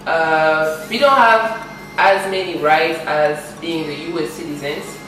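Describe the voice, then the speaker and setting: A woman's voice: sits low, a little slow, music in the background. Young woman from Gabon, frank and casual. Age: 20s. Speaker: interviewee. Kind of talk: casual sit-down chat. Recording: very echoey room, mic set far off.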